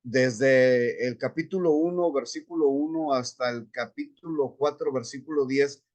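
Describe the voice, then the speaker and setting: A man teaching a Bible class, explaining scripture and Greek words step by step in an unhurried lecturing manner. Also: mid-range voice. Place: church classroom.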